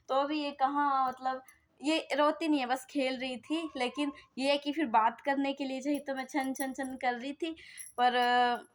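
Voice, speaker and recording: A young woman from Himachal Pradesh telling a casual vlog story about caring for her baby, rambling with many fillers and restarts. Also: high voice. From Himachal Pradesh, India. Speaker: vlogger mother.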